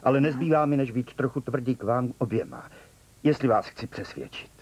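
A man's voice: medium pitch, darkish tone, husky, dry recording, natural voice. A man voicing a stern, cryptic older man. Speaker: dubbing actor. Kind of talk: dubbed telenovela acting.

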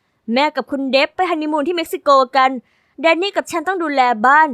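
A woman narrates a first-person diary story with lively, sassy delivery. Her voice sits high and sounds bright and forward. The recording is close and dry, with no room sound. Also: fast, no room sound.

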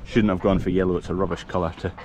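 A man's voice: low voice, fairly even intonation, racing. A young man, a farmer chatting casually to a body-worn camera while he works cattle in an outdoor yard. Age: young adult. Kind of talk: casual farm vlog narration. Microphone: body-worn action camera. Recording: loud outdoor noise, clanking gates.

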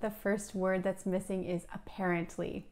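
Young american lady english teacher, clear explainy talk, normal pitch, indoors. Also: little pitch movement, normal speed, darkish tone. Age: young adult. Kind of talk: scripted lesson to camera. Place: small furnished room indoors. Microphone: clip-on lapel mic.

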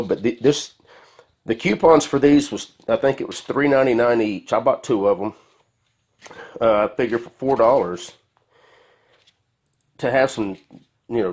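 In a garage with a concrete floor, a home mechanic chats his way through a tool review, rambling folksily and leaning on fillers. His pitch is fairly low with a touch of mellowness, and the clip comes from a handheld phone.

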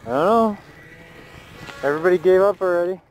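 A man chatting excitedly outdoors while riding snowmobiles in an open snowy field. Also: high voice, fairly quick, loud music behind the voice. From Canada. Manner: excited, laughing, loose. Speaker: snowmobile rider filming. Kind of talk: casual outdoor chat. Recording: loud engine noise behind.

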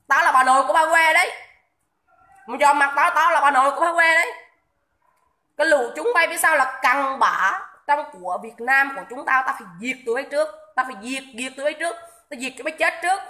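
High, bright-voiced woman ranting angrily. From Vietnam. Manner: shouting insults, coarse swearing, repetitive. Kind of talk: angry livestream rant.

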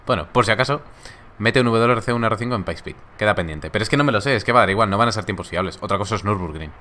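A man's voice: on the low side, rapid-fire, pushed and bright. Joking young man streaming. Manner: laid-back, joking, laughs often. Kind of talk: casual live-stream chat reading viewer comments.

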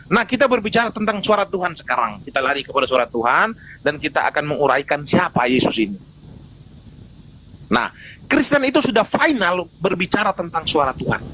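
A man's voice: high-pitched, sharp tone, a little hiss or hum, rough recording. A man arguing his case in a live online debate, emphatic, repeating points and answering his own rhetorical questions.

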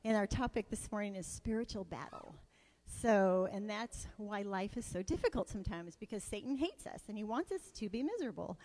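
A woman's voice: medium pitch, animated, a little fast, darkish tone, in a large hall. A woman leading worship in church, making casual, joking announcements to the congregation.

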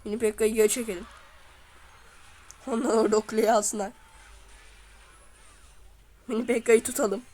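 A woman giving live commentary over her own gameplay, excitably cheering and scolding the units on screen. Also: a little high, normal speed, long pauses, faint music behind, low-quality recording. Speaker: gamer.

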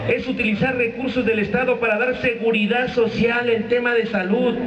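A middle-aged man with a Mexican accent giving a combative, crude protest speech from an outdoor stage, talking into a handheld mic. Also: very high voice. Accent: Mexican Spanish. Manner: combative, crude, calls the crowd comrades. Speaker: union leader giving a rally speech. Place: outdoor stage at a street rally. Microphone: handheld mic through a PA, filmed from the crowd. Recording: distant, echoey, muffled amateur video of a PA.

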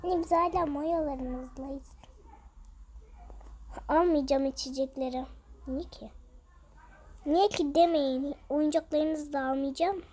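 A woman's voice: sits high, slow, long pauses, warm tone. A woman vlogging over a game, venting to her viewers in an exasperated, casual way.

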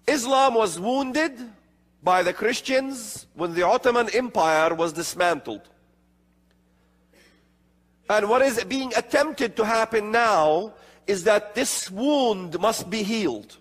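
A middle-aged man from the Middle East giving a slow, emphatic lecture at a prophecy conference in a large hall with an audience. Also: high-pitched, fairly bright tone. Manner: slow emphatic delivery with gestures. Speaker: conference speaker. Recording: long hall reverb.

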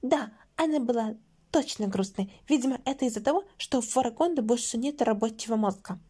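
A woman's voice: fairly high pitch, fairly quick, warm tone, breathy edge. Woman doing an indignant fairy girl. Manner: indignant, sarcastic.

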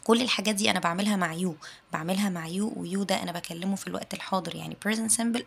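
A woman with an Egyptian Arabic accent teaching an English grammar lesson, patiently repeating her English example sentences slowly. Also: mid-range voice, creaky, breathy edge.

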